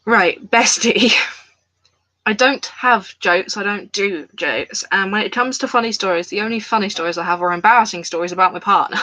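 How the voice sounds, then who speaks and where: A crafts livestreamer chats casually at home indoors while working on crafts, rambling and talking straight to viewers in her chat. Her medium-pitched voice is bright and forceful at a moderate pace, and the recording is rough.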